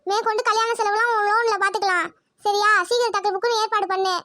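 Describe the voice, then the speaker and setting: A woman's voice: very high-pitched, steady tone, fast, bright, forceful tone, no room sound, studio quality. Woman voicing a fretful, scolding cartoon mother. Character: anxious devout middle-aged mother, fiercely proud. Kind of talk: cartoon voice acting.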